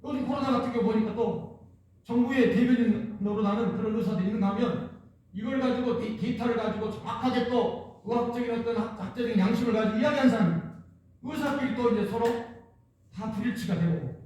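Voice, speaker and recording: High-voiced pastor preaching in an echoey hall. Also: male voice, fairly quick, darkish tone, a little hiss or hum. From Jeolla region, Korea. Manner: emphatic, repetitive preaching with rhetorical questions. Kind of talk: sermon. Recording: echoey church hall, distant mic.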